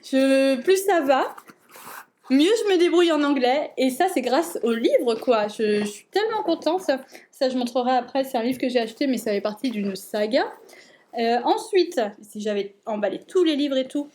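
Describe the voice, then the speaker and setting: A young woman with a notably high voice talks to her viewers in a loose, excited way. She keeps tripping over fillers and restarting her sentences as she gushes. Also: normal speed. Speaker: book vlogger. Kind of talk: casual chat.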